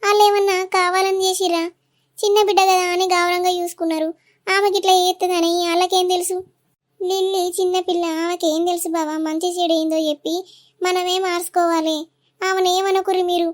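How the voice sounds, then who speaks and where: A woman voicing a gentle young village wife in a cartoon, pleading for calm with a Telangana Telugu accent. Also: extremely high pitch, fairly quick. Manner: soothing, pleading.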